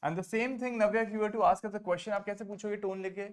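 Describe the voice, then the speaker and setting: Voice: mid-range voice, fairly even intonation. A French teacher with an Indian English accent leading an online class over a video call, mixing English, Hindi and French and repeating phrases patiently. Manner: patient, drills phrases by repeating them slowly.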